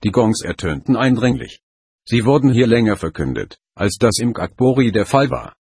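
A man reading a first-person story aloud in a steady, measured way. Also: medium pitch, gravelly, husky, no echo, clean studio sound. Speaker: audiobook narrator. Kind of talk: scripted first-person narration.

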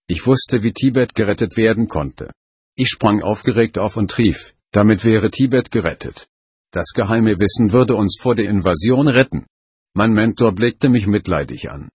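Male audiobook narrator, steady measured reading, low, husky. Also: dry recording, studio quality. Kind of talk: scripted first-person narration.

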